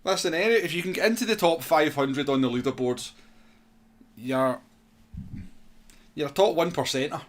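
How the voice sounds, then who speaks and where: A man streaming a game chats casually and answers viewers along the way. His voice is fairly high and his speed normal, though he pauses often.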